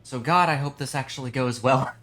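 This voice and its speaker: A man's voice: medium pitch, moderate pace, fairly bright tone, a little hiss or hum. A man who sounds just woken up, giving casual, sweary live game commentary and explaining as he plays. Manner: informal, sweary, explains as they play. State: groggy, just woke up. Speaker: game streamer.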